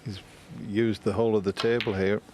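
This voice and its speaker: Low-pitched man in conversational snooker commentary. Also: flat delivery, fairly quick, noisy background.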